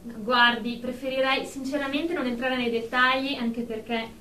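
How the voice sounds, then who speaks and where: Acting in an Italian radio drama, a woman voices a prim, high-voiced professional in therapy who takes offence easily, speaking at a moderate pace with fairly even intonation and a pushed, bright tone. The delivery is indignant, formal, clipped and superior, recorded off mic in an echoey, noisy room.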